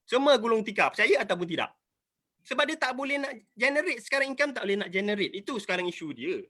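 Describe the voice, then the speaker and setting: A man's voice: high-pitched, sing-song, fast, sharp tone. Emphatic Malaysian entrepreneur in his forties. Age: 40s. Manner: emphatic, rambling, repeating himself. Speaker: entrepreneur asking questions. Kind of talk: earnest appeal in an online business talk. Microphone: video call.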